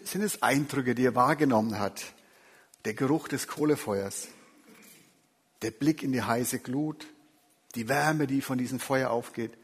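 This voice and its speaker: A man's voice: medium pitch, breathy edge. Earnest preacher man in a reverberant hall. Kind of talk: sermon.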